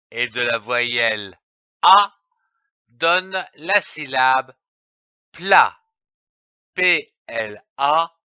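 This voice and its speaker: Male reading teacher, bright and clipped, dull, dry lo-fi recording. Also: a little high, clean tone, no echo. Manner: spells out letters, deliberate and over-articulated. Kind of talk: slow syllable-by-syllable reading lesson.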